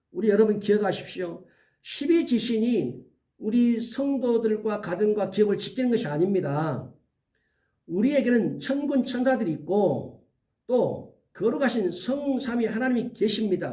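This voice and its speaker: A male pastor preaching an earnest sermon, giving emphatic warnings and slowly listing items one by one. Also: high-pitched, mellow, recorded from a distance.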